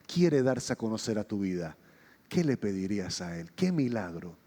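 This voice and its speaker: A man preaching a sermon as pastor, telling a story and acting out its dialogue with changing pitch and pace. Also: very animated, normal speed, dark tone. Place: church hall. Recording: long reverb of a church hall.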